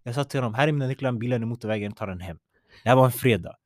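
A man telling a story in casual talk, animated and mixing in English phrases. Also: mid-range voice, dry recording, studio quality.

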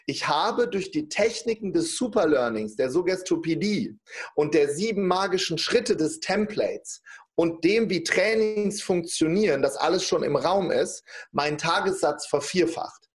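A man's voice: on the high side, a little slow. A middle-aged man telling a personal story in casual conversation, acting out the people he quotes. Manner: lively storyteller, acts out quoted speech. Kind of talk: personal anecdote in casual talk.

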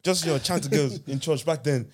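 A man's voice: fairly high pitch, a little fast, darkish tone. A young man in casual banter, teasing in slang with an incredulous manner.

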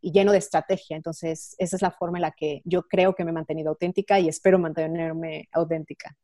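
A woman, a guest in an interview, giving an earnest, measured answer. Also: sits low, steady tone, warm tone, no echo, studio quality.

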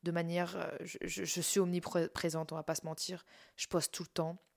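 A woman's voice: on the low side, level tone, moderate pace, creaky, a little mellow. A young woman with a tired voice, candidly talking through a personal podcast, laughing at herself and trailing off on fillers. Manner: candid, self-mocking, laughs through serious points, many fillers and restarts. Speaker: podcast host and content creator. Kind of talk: casual personal podcast monologue.

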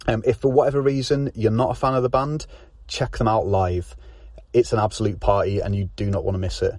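Low, mellow podcast host man. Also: steady tone, fairly quick, dry recording, studio quality. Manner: filler-heavy, enthusiastic. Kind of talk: recorded podcast intro.

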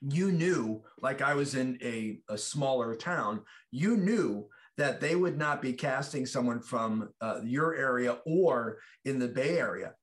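A man's voice: mid-range voice, animated, measured pace, few pauses. A middle-aged American actor chatting about his career, rambling with restarts and acting out the quotes in his stories. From United States. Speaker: actor, guest. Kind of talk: casual chat.

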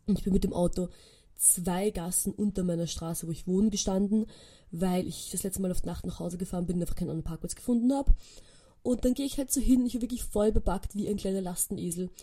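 A woman in her twenties hosts a podcast in an Austrian German accent, chatting on her own in a casual way, telling stories and dropping in English phrases. Her voice is mid-range, mellow and a little rough, and she talks quickly.

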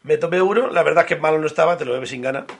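A man's voice: fairly high pitch, rapid-fire. A man co-hosting a casual podcast over beers, telling funny stories full of swearing and jokes. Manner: storytelling, swearing and joking. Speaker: podcast co-host.

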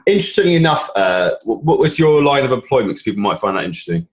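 A man's voice: mid-range voice, sing-song, fast. A man hosting a fitness podcast, chatting casually and encouragingly, with frequent qualifying asides. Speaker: podcast host, fitness coach. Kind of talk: casual interview chat.

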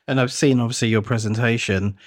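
A man's voice: medium pitch, steady tone, fairly quick, no room sound. Casual male host, dry close sound. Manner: casual, enthusiastic. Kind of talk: casual interview.

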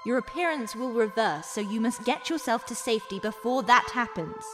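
A man voicing a kind, gentle female fairy godmother, speaking softly and measuredly. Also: extremely high pitch, animated, in a large hall, music in the background, voice pushed up. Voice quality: soft, measured and hushed.

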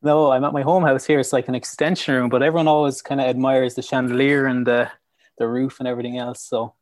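A man's voice: medium pitch, flat delivery, quick pace, dry recording. An Irish man chatting casually as a podcast guest, upbeat and earnest. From County Clare, Ireland. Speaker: podcast guest, mental health educator. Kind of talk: casual interview chat. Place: room at home, on a remote call.

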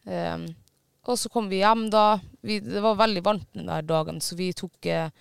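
A man telling a story in casual chat, animated, swearing now and then and pausing often on fillers. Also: sits high, creaky, clean tone, no echo, clean studio sound.

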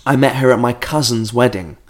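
A man's voice: mid-range voice, fairly quick. A man co-hosting a casual comedy podcast, reading out listener letters and riffing with rambling jokes. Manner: rambling, jokey, drifts into mock voices. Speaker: podcast co-host.

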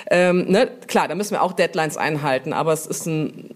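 A publishing brand manager appears as an interview guest, talking in a chatty, colloquial, informal way. Her voice is low and she speaks fairly quickly.

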